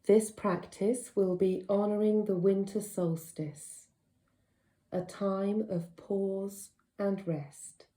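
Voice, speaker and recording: A yoga nidra teacher guides a deep relaxation session in a very soft, dark, mellow voice. Her delivery is slow and gentle, with unhurried pauses between short phrases. The room is roomy and has a noticeable echo.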